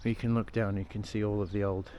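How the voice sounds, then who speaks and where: Walking old-town streets with camera in hand, this young Australian man vlogs in a loose, rambling way, dropping the occasional swear word. He sounds mellow, with a lowish voice that barely moves in pitch, and his delivery is rapid-fire. The recording clearly picks up traffic and street sounds.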